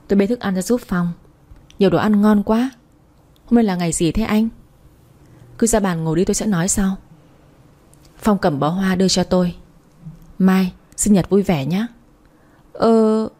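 A woman's voice: lowish voice, mellow. A woman narrating a first-person story and reading every part herself.

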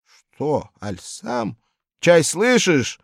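Male reader doing old woman cleaner, whimpering, high pitch, dry sound. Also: huge pitch swings, extremely slow, creaky, dry recording, heavily acted. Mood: whining. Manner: whimpering, scolding.

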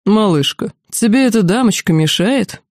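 A woman voicing a huge male demon, unhurried and amused, in a deep bass voice in an audiobook. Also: animated, darkish tone, no echo, studio quality, close to an everyday voice. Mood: calm, amused.

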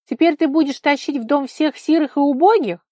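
A woman reading an audiobook voices a jealous, scornful young brunette woman with a shrill, mocking way of speaking. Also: steady tone, normal speed, a little mellow, no echo, clean studio sound, natural voice.

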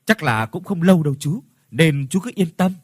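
A man's voice: a little high, expressive, moderate pace, darkish tone, no room sound, clean studio sound, pitched above the performer's own voice. A man voicing an eager, persuasive young man who leads his group of friends on an adventure.

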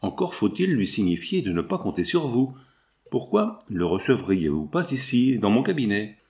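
A man's voice: on the low side, sing-song, moderate pace, darkish tone. A man reading the part of a shrewd, scheming male financier in an audiobook, speaking in a persuasive, self-assured way.

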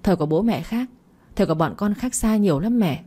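A woman's voice: mid-range voice, lively intonation, quick pace, warm tone, breathy edge. A woman reading as a reluctant young woman. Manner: frank, reluctant. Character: young woman, uneasy and firmly refusing.

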